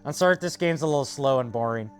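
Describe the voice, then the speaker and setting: A man's voice: mid-range voice, very fast, clean tone, soft background music. A man streaming a video game, chatting loosely with viewers and explaining a puzzle with many fillers. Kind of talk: casual let's-play commentary.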